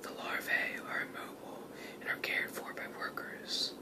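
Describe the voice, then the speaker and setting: A narrator speaks entirely in a whisper, as if watching wildlife up close. The delivery is a scripted ASMR nature lesson, hushed from start to finish. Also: moderate pace.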